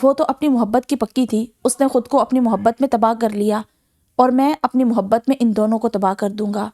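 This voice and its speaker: A man's voice: extremely high pitch, fairly even intonation, warm tone. A woman voicing an angry, vengeful young man from a novel, bitter and scornful in manner.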